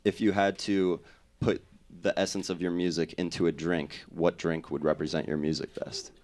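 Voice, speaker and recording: A man's voice: low-pitched, level tone, moderate pace, darkish tone. A male host interviewing a musician at a live show, upbeat and encouraging. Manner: upbeat, encouraging, hypes the crowd. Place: live music venue with audience.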